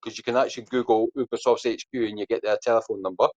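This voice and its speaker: A man's voice: mid-range voice, steady tone, racing, a little mellow. A man telling a long story in a rambling way, full of fillers and restarts, then quizzing his hosts. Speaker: podcast guest. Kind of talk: casual storytelling and quiz hosting. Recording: dull lo-fi audio.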